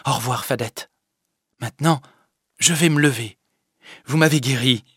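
A man reading an audiobook, voicing a sickly, clingy young village man who speaks softly and plaintively. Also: medium pitch, moderate pace, slightly rough, dry recording, clean studio sound, voice pushed up. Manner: plaintive, soft-spoken. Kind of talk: audiobook character voice.

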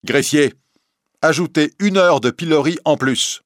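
A man's voice: a little high, a little slow, no echo, studio quality, pitched above the performer's own voice, natural voice. A man voicing an angry male provost who sentences the accused in court, harsh and barking. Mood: stern angry.

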